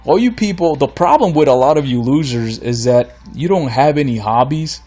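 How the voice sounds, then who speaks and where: On his own podcast, a host from Florida vents in an animated, blunt solo rant, exasperated even as his voice gives out. His mid-range voice has a darkish tone and normal speed, with faint music underneath.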